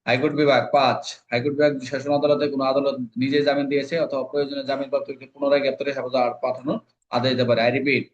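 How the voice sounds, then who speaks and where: On a dull, lo-fi recording, a Bangladeshi-accented man talks very fast in a flat, mid-range voice, informally lecturing as an exam coach on legal code sections. His style is repetitive drilling: he throws out rhetorical questions, answers them, and weaves in English legal terms.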